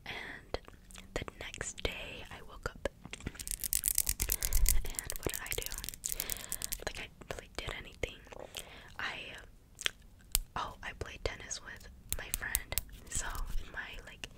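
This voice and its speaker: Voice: takes it slowly, pauses often. Young person whispering a rambling ASMR storytime. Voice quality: soft, breathy, unvoiced whisper. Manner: rambling, casual, tangent-prone. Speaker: ASMR video creator.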